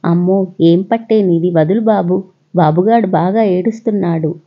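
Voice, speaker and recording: A woman's voice: lowish voice, normal speed, breathy edge, lo-fi sound. A woman voicing a flustered young husband pleading to be let go.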